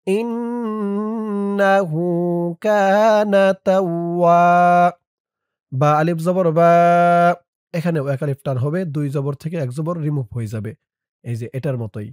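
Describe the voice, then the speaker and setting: A man teaching Quran reading, spelling each word out letter by letter and then reciting it in a slow, drawn-out melodic chant. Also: on the high side, a little mellow, no room sound, studio quality. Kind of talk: spelling out and slowly reciting a short surah.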